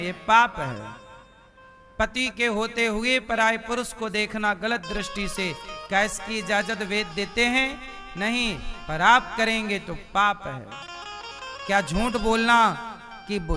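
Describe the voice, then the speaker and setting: High-voiced preacher, slow, music behind. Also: male voice, expressive. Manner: questions the audience then answers, emphatic. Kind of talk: sermon.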